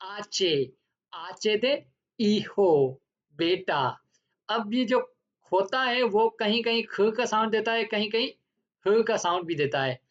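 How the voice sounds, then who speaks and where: A woman gives an alphabet lesson at an unhurried, careful pace. She spells out each word letter by letter and repeats it before translating. The recording sounds dull and lo-fi. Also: medium pitch. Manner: slow and deliberate, repeating each word then giving its meaning. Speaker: Spanish teacher.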